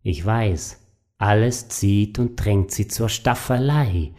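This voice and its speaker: A man voicing a sly, suave male secretary who tempts like a devil, in a smooth, coaxing, mocking manner. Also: on the low side, slow pace, darkish tone.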